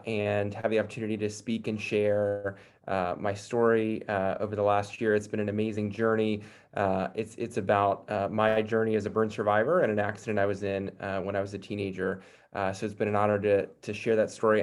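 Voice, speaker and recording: A man introducing himself on an author panel, slow and hesitant with many pauses. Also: lowish voice, a little mellow.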